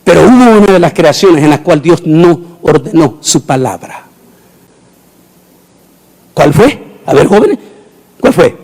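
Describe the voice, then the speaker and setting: A middle-aged man, preaching a sermon emphatically and rising into shouted proclamations. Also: on the high side, animated, unhurried, long pauses.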